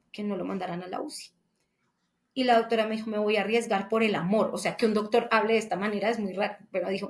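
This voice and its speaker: A woman tells her father's illness story as a heartfelt, faith-filled personal testimony, often restarting her phrases. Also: a little high.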